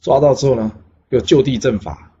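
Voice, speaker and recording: A man retelling a classic legend in a chatty, casual way, pausing on fillers. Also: medium pitch, warm tone, dull audio, a little hiss or hum. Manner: chatty, with many pauses on fillers. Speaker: storyteller.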